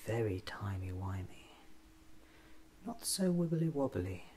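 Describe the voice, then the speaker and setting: A man in his thirties playing a whimsical, eccentric time-traveling doctor musing aloud in soft-spoken, deliberate ASMR roleplay. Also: fairly low pitch, very animated, slight background noise. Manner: deliberate, musing, often near whisper.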